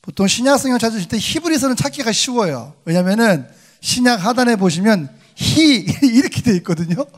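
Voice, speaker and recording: High-voiced, animated Korean pastor preaching. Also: male voice, a little fast. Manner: animated, acting out quoted voices. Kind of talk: sermon.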